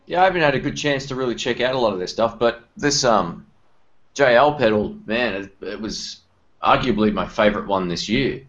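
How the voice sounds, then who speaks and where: A man's voice: mid-range voice, lively intonation, brisk, a bit bright. A man hosting a casual chat about guitar pedals over an online group call. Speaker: host of a live guitar-pedal video chat. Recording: dull, lo-fi online call audio.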